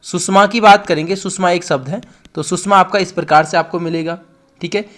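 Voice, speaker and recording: A man's voice: sits high, fairly quick, fairly bright tone. A young man with an Uttarakhand Hindi accent, teaching an online exam-prep class and explaining with repetition and emphasis. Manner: explanatory, repeats words for emphasis, addresses students directly. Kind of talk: online lesson.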